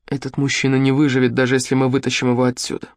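Brief: narrator doing a stern protective young man, low clipped commands, dry close sound. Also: monotone, very fast, no room sound, natural voice.

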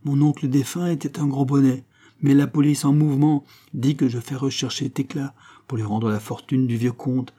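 A man voicing a moody, imperious young count, lovesick and emotional, with a husky voice. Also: mid-range voice, level tone, moderate pace, warm tone, pitched above the performer's own voice, close to an everyday voice. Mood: coaxing.

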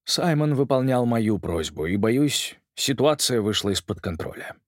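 A male reader voicing a calm, polite male curator who speaks in a measured way. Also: mid-range voice, no echo, clean studio sound. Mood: cool.

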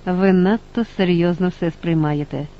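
A man's voice: high voice, fairly even intonation, normal speed. Man doing a mumbling writer, dismissive, half-voiced, dull lo-fi sound.

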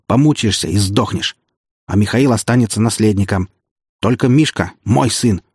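A man's voice: fairly low pitch, moderate pace, a little mellow, slightly rough, no room sound, studio quality. A male audiobook reader voicing a gloating treacherous middle-aged security chief who mocks and sneers. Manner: sneering, mocking. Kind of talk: audiobook character voice.

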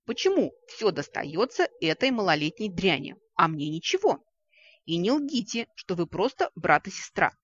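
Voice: mid-range voice, sing-song, normal speed, hardly any pauses, fairly bright tone, breathy edge, pitched above the performer's own voice. A reader voicing a gushing jealous noblewoman. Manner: gushing, whining. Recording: dry, slightly dull recording.

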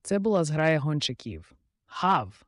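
A man narrating a fairy-tale audiobook in a lively, theatrical way. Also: on the high side, moderate pace, dry recording, studio quality.

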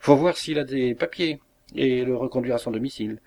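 A man's voice: mid-range voice, a little fast, darkish tone, close to an everyday voice. A man voicing a jovial, bossy patrol sergeant who jokes and barks orders, in a storybook reading. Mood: brisk. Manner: jocular, barking orders.

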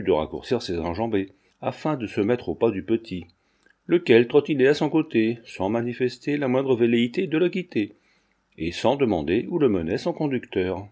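A man reading a classic novel aloud as an audiobook narrator, in a steady, measured storytelling manner. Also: mid-range voice. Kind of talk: scripted narration of a 19th-century novel.

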